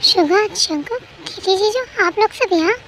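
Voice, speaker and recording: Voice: very high voice, animated, measured pace, loud music behind the voice. A storyteller reading a dramatic fan story aloud and acting out every character's lines with pleading emotion. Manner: acts out each character's dialogue with pleading emotion.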